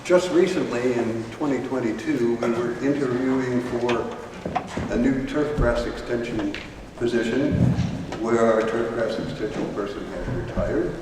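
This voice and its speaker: Man, speaker introduction, relaxed storytelling manner, distant mic, long hall reverb. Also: mid-range voice, a little slow. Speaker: faculty colleague introducing the speaker. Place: conference hall. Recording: echoey hall, distant mic, background noise.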